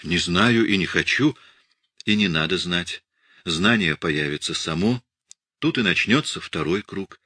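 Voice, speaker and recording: A man voicing a weary, hunted middle-aged scientist who speaks in a quiet, resigned, measured way. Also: low voice, expressive, slightly rough, no room sound, studio quality, exaggerated voice.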